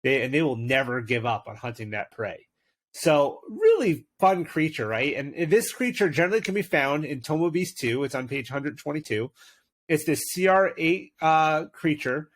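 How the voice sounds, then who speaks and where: A man's voice: a little high, big pitch swings, normal speed. A man co-hosting a tabletop game podcast, chatting eagerly with many fillers and narrating a dramatic scene. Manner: enthusiastic, with frequent fillers. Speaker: podcast co-host and game master. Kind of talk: casual chat and dramatic narration.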